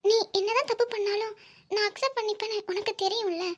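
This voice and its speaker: A heartbroken young woman in love, voiced by a woman for a cartoon, speaking in a very high, thin voice. She talks in long, emotional, pleading runs, sensitive and proud. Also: steady tone, quick pace. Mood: pleading, sad. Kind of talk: cartoon voice acting.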